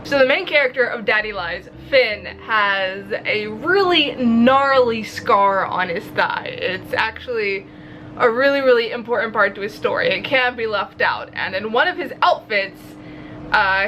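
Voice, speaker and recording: A bright, high-voiced woman, a visual novel developer and vlogger, chats casually in a video diary recorded to camera with background music. She's animated, expressive, and self-mocking, and swears casually. The recording is rough, with a little hiss or hum.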